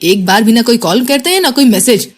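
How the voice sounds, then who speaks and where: Bossy, quick-tempered young woman for an audio love story, voiced by a female narrator, bright and high. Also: sing-song. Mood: angry scolding. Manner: scolding, rapid and shrill.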